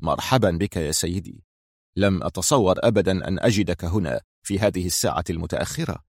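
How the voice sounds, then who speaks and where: Man voicing a cold intelligence officer, curt, stern, low voice, storybook reading. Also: animated, fast talker, husky, no echo, studio quality, heavily acted.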